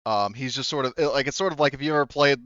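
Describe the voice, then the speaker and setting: A man with a clean, resonant, fairly bright voice of middling pitch runs a tabletop roleplaying game as game master, explaining the plot. He speaks haltingly, repeating and rephrasing himself mid-sentence. The audio is very dry and slightly dull, with no room sound.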